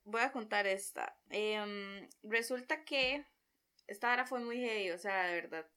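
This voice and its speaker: A young woman with a Costa Rican accent, telling a personal story in a chatty, expressive vlog style and acting out her own reactions. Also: medium pitch, normal speed, smooth. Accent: Costa Rican Spanish. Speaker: vlogger.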